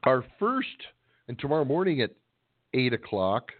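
A man's voice: mid-range voice, very animated, normal speed, no echo. A middle-aged man co-hosting a trucking call-in radio show, chatting casually in a rambling, joking, folksy way. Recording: dry, tinny phone-line sound.

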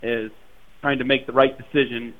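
A man's voice: mid-range voice, level tone, moderate pace. A man joining a casual talk as a guest over a call, hesitant and full of fillers. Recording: tinny phone-like call audio.

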